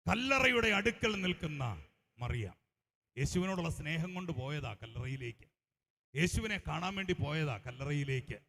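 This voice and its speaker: Male preacher, high and bright with a gravelly edge, fervent sermon full of hallelujahs, booming hall reverb. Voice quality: punctuates phrases with hallelujah and praise exclamations. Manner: rises to fervent shouting, with a brief burst of speaking in tongues. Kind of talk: Pentecostal-style sermon with call-and-response.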